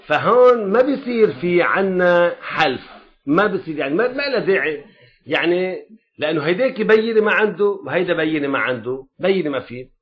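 Lebanese male teacher for a classroom lecture: animated and lively, keeps checking that students follow, dull lo-fi sound. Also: sits high, brisk. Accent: Lebanese Arabic. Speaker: religious law teacher.

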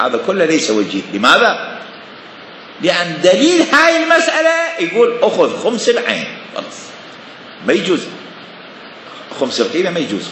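A man's voice: fairly high pitch, bright, forceful tone, roomy sound, in a large hall, slight background noise. A man giving a seminary lecture on religious law, emphatic and full of rhetorical questions.

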